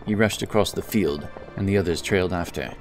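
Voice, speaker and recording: This casting calls for a deep-voiced male storyteller to deliver scripted fantasy narration over strong music. The read should be solemn, dramatic and fairly quick.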